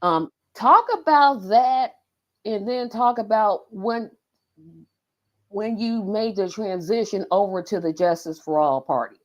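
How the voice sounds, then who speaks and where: This forties-aged woman hosts a casual podcast interview, joking at her own expense in a playful way. She speaks at medium pitch and a measured pace, and the audio sounds dull.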